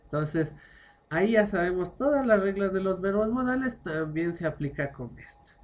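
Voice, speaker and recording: A woman with an expressive, mid-range, somewhat mellow voice talks at a normal pace. In her online French class she mixes French phrases into Spanish, explains with patience, and checks comprehension again and again through brief tag questions.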